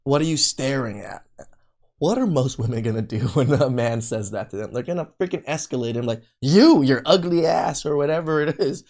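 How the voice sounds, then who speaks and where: A man's voice: medium pitch, lively intonation, a little fast, darkish tone. A man from Long Beach, California, chatting casually as a podcast co-host, telling stories with emphatic, laughing asides. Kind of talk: casual chat.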